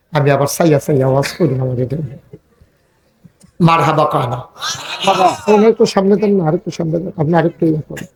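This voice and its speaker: A man preaching a sermon to a crowd, rousing them with call-and-response and chanted, drawn-out passages. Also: on the high side, gravelly, a little mellow, roomy sound. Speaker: Islamic preacher.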